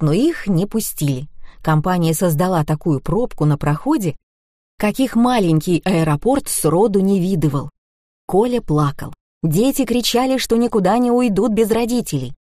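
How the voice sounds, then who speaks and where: A woman reads an audiobook aloud with lively expression. Her voice sits in a middle register. The recording is close and completely dry. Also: mid-range voice, no echo. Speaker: audiobook narrator. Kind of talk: audiobook narration.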